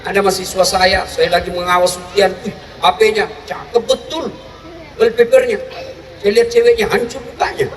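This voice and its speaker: Jokey preacher guy, high sharp voice, sounds far off in a big echoey hall, faint ambience. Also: moderate pace, a little hiss or hum. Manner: lively, joking, quizzes the listeners directly. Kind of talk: humorous sermon.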